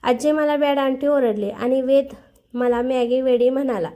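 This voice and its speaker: A spoiled little girl shrieks her complaints in a shrill, whiny voice, as a woman storyteller puts her on. Her voice sits up high, with a soft, mellow tone. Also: fairly even intonation, normal speed, lightly acted. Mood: crying. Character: bratty little girl, tearful and stubborn.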